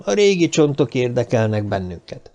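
A man's voice: medium pitch, big pitch swings, a little mellow. A man voicing a guarded expedition member who gives short, curt answers, in an audiobook reading.

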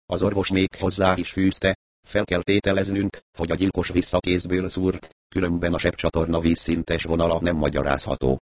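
A man narrating a crime novel in steady, even scripted audiobook narration. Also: sits low, dry recording.

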